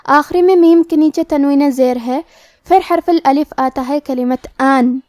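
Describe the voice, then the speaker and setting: A woman teaching recitation rules in a slow, careful way, going through each letter step by step. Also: high voice, darkish tone, no echo, clean studio sound. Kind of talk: tajweed lesson, explaining rules and reciting.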